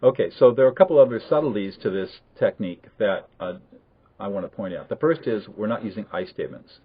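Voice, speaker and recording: Low husky man over a tinny line. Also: lively intonation, fast. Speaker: conflict de-escalation expert. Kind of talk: explanatory conversation on a livestream.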